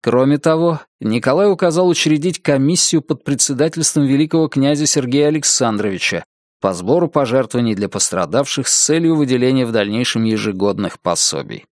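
Guy reading an audiobook in first person, steady storyteller pace, mid-pitched voice, dead dry recording. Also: fairly quick, dry recording. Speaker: audiobook narrator.

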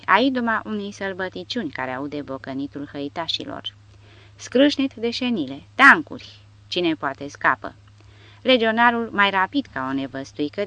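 A woman narrating an audiobook in a steady, measured reading. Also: fairly low pitch, dry recording, lo-fi sound.

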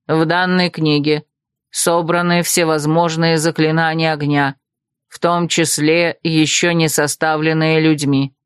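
Woman putting on an audiobook machine voice: low, slow, flat and announcing. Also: clean tone, no room sound, clean studio sound. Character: flat mechanical system voice of a magic book. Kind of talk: audiobook reading.

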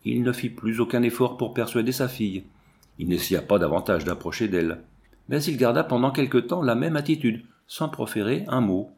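A man narrating a novel as an audiobook, in a measured, expressive storytelling manner. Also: mid-range voice, creaky.

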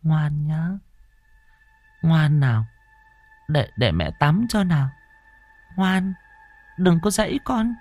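A man's voice: very high-pitched, moderate pace, hardly any pauses, pushed and bright, no echo, pitched above the performer's own voice, exaggerated voice. A man voicing a grief-stricken young mother who croons to her lost baby and pleads frantically. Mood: crooning. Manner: crooning, then wailing and pleading.

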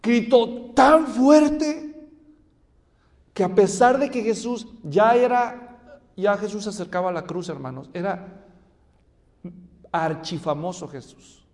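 A male preacher giving a sermon with animated storytelling and questions to the congregation. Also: sits high, a little slow, long pauses. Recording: reverberant hall.

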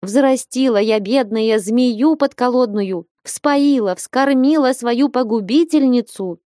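A woman voicing an old peasant mother who laments in a high, wailing voice in a storybook reading. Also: animated, normal speed, darkish tone, no room sound, studio quality, natural voice.

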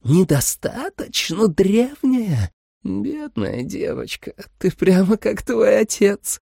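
A man voicing a cruel, seductive vampire mother in an audiobook, speaking slowly in a sweet, menacing croon. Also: high voice, wildly swooping pitch, creaky, mellow, husky, no room sound, studio quality, voice pushed up, exaggerated voice. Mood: crooning menace.

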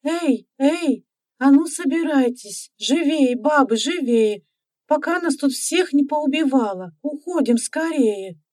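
A woman voicing a bossy middle-aged village woman who shouts orders at her neighbours. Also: high-pitched, expressive, unhurried, no echo, studio quality, voice pushed up. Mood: urgent bossy.

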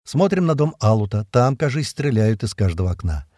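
A man with a medium-pitched voice and big pitch swings reads a first-person action audiobook a little fast. The studio-quality recording has no room sound, and his narration is vivid and tense, voicing the soldiers' shouts.

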